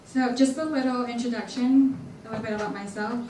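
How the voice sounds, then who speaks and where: A woman's voice: on the high side, steady tone, brisk, background noise. A young woman from Hong Kong, a student organizer, giving an earnest, slightly nervous prepared welcome speech in a large lecture hall. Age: young adult. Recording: echoey hall from far off.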